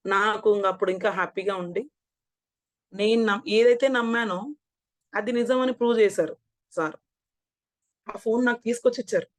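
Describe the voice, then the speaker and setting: A woman's voice: mid-range voice, normal speed, long pauses, dry recording. A woman from Hyderabad, a meditation practitioner, earnestly telling a personal story in casual testimony. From Hyderabad, India. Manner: earnest storytelling, voicing others in quotes. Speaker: meditation practitioner sharing experience.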